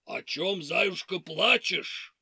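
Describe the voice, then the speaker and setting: Storybook wolf, blustering and gruff, low and loud, voiced by a woman narrator. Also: animated, takes it slowly, no echo, studio quality, full character voice. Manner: lowered, gruff, shouting. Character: gruff grey wolf, male.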